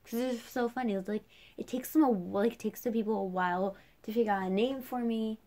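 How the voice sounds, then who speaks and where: Ranting about something personal, a young woman vlogs in a chatty, rambling way, leaning heavily on "like" as a filler. Her voice is fairly high and dark in tone, with fairly even intonation and a slightly fast pace.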